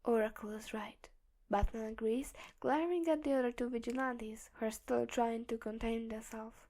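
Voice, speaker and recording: A woman narrating a fan audiobook in a steady, measured storytelling manner. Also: fairly high pitch.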